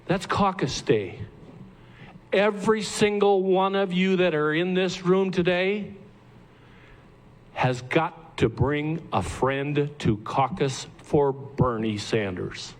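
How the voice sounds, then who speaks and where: A man speaking at a campaign event, rallying supporters in a slow, deliberate way. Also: on the high side. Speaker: campaign supporter introducing the candidate. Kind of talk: rally pep talk. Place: event room with audience. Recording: faint ambient noise.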